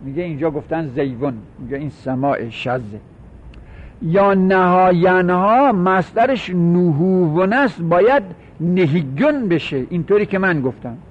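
Male grammar teacher, a touch higher pitch, slow drawn-out examples, self-questioning lecture style, dull lo-fi sound. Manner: drawls out example words slowly, poses and answers his own questions. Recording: dull lo-fi recording.

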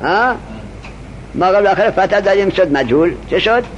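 A male teacher giving a classroom grammar lesson, reading the text slowly, then explaining it quickly and quizzing his students. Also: sits high, expressive, muffled recording, a little hiss or hum.

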